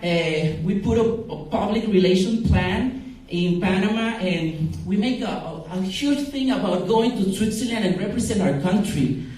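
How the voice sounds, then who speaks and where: A Costa Rican man in his forties, with a Costa Rican Spanish accent, gives a casual, halting talk about his own path as a startup founder at a summit, repeating words for emphasis. His voice is high-pitched and darkish, with lively intonation. He's recorded far from the mic in a very echoey event room at the startup summit.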